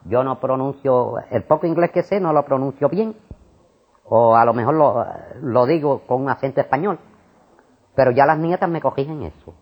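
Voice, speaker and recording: An older man with a Puerto Rican Spanish accent, a retired school principal answering interview questions in a discursive way, repeating words and filling pauses. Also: medium pitch. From Puerto Rico. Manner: animated and discursive, repeats words, frequent fillers. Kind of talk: casual conversation. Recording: muffled lo-fi recording.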